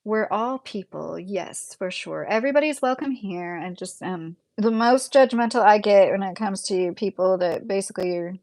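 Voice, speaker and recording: In a mid-range, darkish voice at normal speed with few pauses, a YouTube livestream host in her late thirties chats through viewer comments in a rambling, conversational manner and breaks into chuckles. She comes from Southern Indiana and speaks with a Midwestern American accent; there is no echo.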